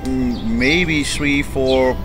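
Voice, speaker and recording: Guy talking outside, excited about sailing, music playing under him. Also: mid-range voice, very slow. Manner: enthusiastic, talks about sailing with the wind. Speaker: sailing vlog host. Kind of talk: casual chat. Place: outdoors in a sunny town plaza. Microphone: camera held at arm's length.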